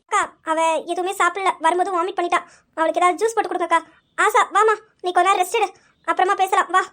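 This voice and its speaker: A woman's voice: very high-pitched, fairly even intonation, pushed and bright. A woman voicing a caring daughter-in-law in a large family, soothing and persuading the others. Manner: brisk, reassuring, persuasive.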